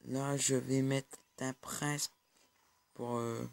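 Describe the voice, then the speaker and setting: Speaking very slowly in a level, mid-range voice with vocal fry, this young gaming YouTuber narrates a mobile game over his screen capture. His casual commentary stumbles along with plenty of fillers and false starts.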